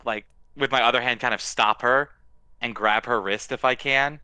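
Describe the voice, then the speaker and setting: A man's voice: medium pitch, fairly even intonation, moderate pace, bright, forceful tone, clear, resonant tone, no room sound. A young man playing a tabletop game, talking casually and asking about the rules. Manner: casual, hesitant, asks rule questions. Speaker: player.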